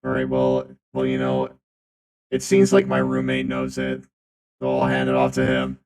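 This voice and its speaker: A male streamer whose voice runs through a booming, deep, metallic robot voice changer, rambling and repeating phrases in casual chat. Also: completely flat delivery, normal speed, darkish tone.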